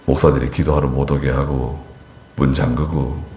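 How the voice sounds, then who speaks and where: A pastor delivering a Wednesday service sermon, telling stories with emphatic rises and quiet asides. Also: male voice, moderate pace, slight background noise. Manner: animated storytelling, voice rising sharply for emphasis and falling low for asides. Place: church sanctuary. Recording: echoey church hall.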